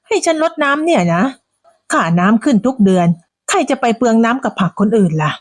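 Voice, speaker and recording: A woman doing a shrill, teasing old village granny. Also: very animated, fairly quick, no room sound, clean studio sound. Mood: mocking.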